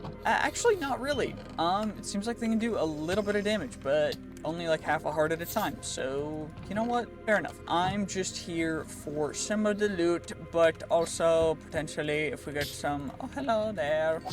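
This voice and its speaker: A man giving casual commentary over his own gameplay, chatty and thinking aloud with quick reactions. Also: a little high, lively intonation. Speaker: gaming channel host. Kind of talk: casual let's-play commentary. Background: clear background music.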